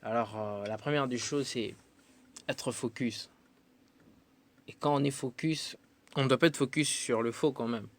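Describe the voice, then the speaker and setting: Unhurried and prone to long pauses, a medium-pitched male voice belongs to a musician guest on the radio from the Democratic Republic of the Congo. He answers thoughtfully, hesitating and using fillers often.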